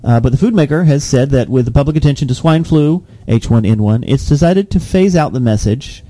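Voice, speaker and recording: A man's voice: medium pitch, brisk, dark tone, no echo. Joking young man reading news. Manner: joking, laughs often, reads headlines aloud. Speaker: podcast co-host reading tech news. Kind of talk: casual news chat.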